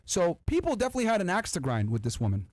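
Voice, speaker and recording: An emphatic man hosts a podcast, talking straight to his viewers between clips. His pitch swings widely and sits a little high. The sound is dry and close. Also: rapid-fire, dry recording. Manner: animated, emphatic, addresses viewers directly. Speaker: podcast host. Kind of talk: commentary over clips.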